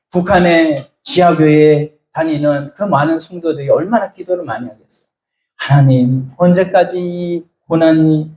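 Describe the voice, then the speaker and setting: A man's voice: fairly high pitch, dark tone, reverberant. A middle-aged man preaching a sermon as a pastor, telling stories, acting out voices and asking the congregation questions. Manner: storytelling, acts out voices, asks the congregation questions.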